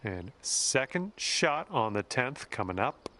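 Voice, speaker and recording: A man's voice: medium pitch, very animated, slow, bright, forceful tone, heavily acted. A man playing an encouraging TV golf commentator, giving casual play-by-play as in a golf video game. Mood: calm, informative.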